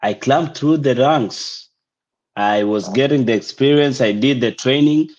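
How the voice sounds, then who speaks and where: A man's voice: mid-range voice, measured pace, darkish tone. A man with a Kenyan accent explaining things casually, mixing slang into his speech. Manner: mixes Swahili slang and English, explanatory. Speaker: discussion participant. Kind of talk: casual chat. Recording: dull lo-fi audio.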